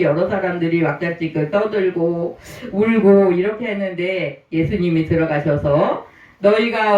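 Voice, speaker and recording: A man's voice: high-pitched, dull audio. A male pastor delivering a sermon in a reverberant church sanctuary, heard from a distance. He retells the story and keeps turning to the congregation with rhetorical questions. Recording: roomy church, mic at a distance.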